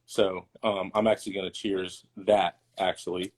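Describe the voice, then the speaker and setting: A man's voice: deep voice, flat delivery, normal speed, darkish tone. A man co-hosting a podcast livestream, talking in a laid-back, rambling way with lots of ums. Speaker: podcast co-host. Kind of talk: casual livestream chat.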